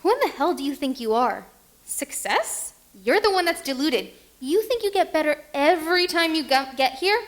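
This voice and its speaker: A woman's voice: high-pitched, big pitch swings. [name], a woman playing a guarded young woman. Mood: furious. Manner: sings slow, belting ballad lines. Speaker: lead singer in a stage musical. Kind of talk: musical theatre singing and acting. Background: loud piano accompaniment.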